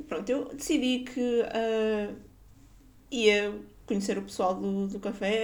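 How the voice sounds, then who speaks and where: A young woman from Guarda with a Portuguese accent from that region, telling a casual personal story in a chatty way, laughing often and using many fillers. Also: a little high. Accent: European Portuguese, Guarda region. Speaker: podcaster.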